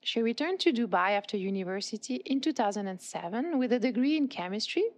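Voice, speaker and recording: A woman hosting a podcast, reading a smooth, scripted introduction of the guest. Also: fairly high pitch, lively intonation, fast. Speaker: podcast host narrator. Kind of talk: scripted narration.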